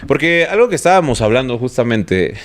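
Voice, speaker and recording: A young man with a Mexican accent co-hosting a podcast. He keeps it casual and slangy, with a posh edge to how he talks. His pitch sits in an ordinary middle range. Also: sing-song, brisk. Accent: Mexican Spanish. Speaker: podcast co-host. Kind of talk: casual chat.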